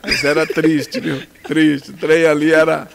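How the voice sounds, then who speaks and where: A man's voice: a little high, little pitch movement, measured pace, vocal fry, slight background noise. A man with a Brazilian Portuguese accent, casually telling his story as a guest, laughing often and acting out what people said. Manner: laughs often, acts out dialogue.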